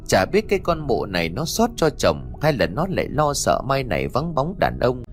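A man's voice: mid-range voice, huge pitch swings, moderate pace. A man narrating a ghost story in a dramatic storytelling manner. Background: faint music.

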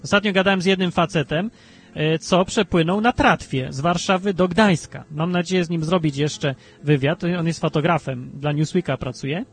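A male talk radio host chatting about politics in an animated, rambling way, with emphatic bursts and frequent restarts. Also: normal speed, breathy edge. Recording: low-bitrate talk radio stream with faint music.

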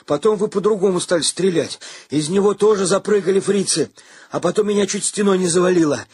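A man puts on a boastful young soldier in a war audiobook, his voice pushed well above the reader's own and full of eager excitement. The tone is husky and the sound dry and close. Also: sits high, no echo, voice pushed up. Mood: boastful, excited. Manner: rapid bragging tale, rising excitement.

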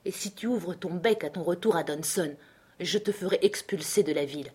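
A woman reading aloud, voicing a stern, commanding man who is quick to anger and speaks in a firm, threatening way. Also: lowish voice, a little mellow, husky.

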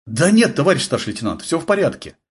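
A man voicing a flustered, excitable young army sergeant who blurts and yelps his lines in an audiobook. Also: fast talker. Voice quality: shrill, blurting, agitated. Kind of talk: audiobook character voice.

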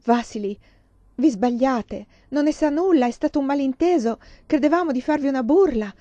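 A woman reading aloud, voicing an excitable, scheming young woman friend in a novel. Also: mid-range voice, moderate pace, dry recording, lo-fi sound, lightly acted. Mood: agitated. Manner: eager, insistent, persuasive.

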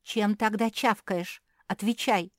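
A woman's voice: fairly high pitch, lively intonation, normal speed, dry recording, studio quality, pitched above the performer's own voice, natural voice. A woman voicing a bossy, easily offended older sister pug in a children's audiobook, speaking in an indignant, demanding way.

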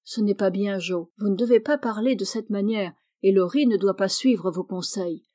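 A sensible sixteen-year-old girl giving advice, as a woman reads her, motherly and earnest. Her tone is warm and mellow, at a middle pitch. A storybook reading. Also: moderate pace, lightly acted.

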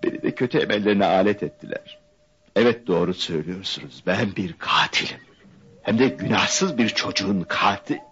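A young man haunted by a blood feud, his low voice swinging widely as he turns anxious and remorseful. He slips into whispered inner thoughts. The sound is muffled, with a faint hiss, like an archival radio play. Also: animated, brisk, fairly bright tone. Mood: distraught confessing. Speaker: radio drama actor. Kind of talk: 1970s-style Turkish radio theatre acting.

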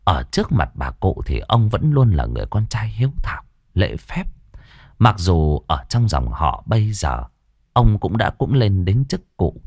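Brief: male narrator, low and very lively reading, dry close sound. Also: no room sound. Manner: expressive, animated storytelling. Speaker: storyteller. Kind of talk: scripted story narration.

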